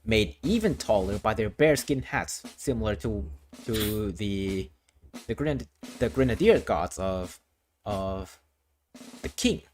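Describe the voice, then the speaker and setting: A streamer from Thailand casually explains the lore of his worldbuilding, often restarting his phrases. His lowish voice is expressive and slow, with slight background noise.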